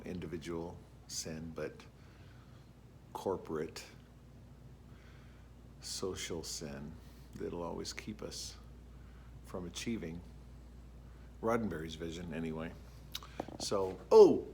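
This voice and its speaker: A man's voice: deep voice, a little hiss or hum. A middle-aged man, a band director, chatting casually to camera in a vlog and musing aloud as he goes about his day. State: a little out of breath.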